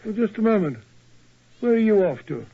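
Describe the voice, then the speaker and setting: Gruff Doctor Watson. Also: male voice, high-pitched, very animated, normal speed, exaggerated voice. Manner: gruff, hearty, blunt. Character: Doctor Watson, bluff gentleman narrator. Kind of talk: 1940s radio acting. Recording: lo-fi 1940s radio broadcast.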